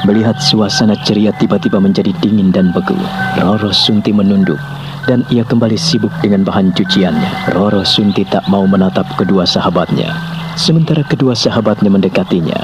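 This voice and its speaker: A man's voice: fairly low pitch, a little fast. A man narrating a radio drama in a declamatory style. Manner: lively, declamatory. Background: loud music score.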